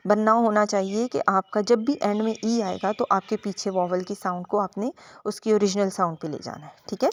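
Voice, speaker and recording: A woman teaching a home-schooling phonics lesson, explaining patiently and drawing out each letter sound. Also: mid-range voice.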